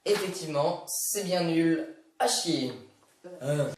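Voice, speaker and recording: A man's voice: on the high side, takes it slowly, faint music behind. News anchor parody: man as bumbling, blunt TV presenter with mock formality, recorded in a very echoey room at a distance. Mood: deadpan. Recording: echoey room, distant mic, faint noise.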